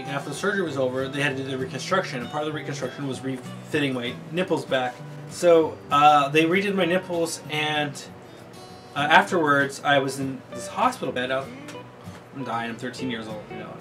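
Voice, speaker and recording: A man vlogging, telling a story to camera in a casual, rambling way with halting restarts. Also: medium pitch. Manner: rambling, grows loud and excited, yelps in quoted outbursts.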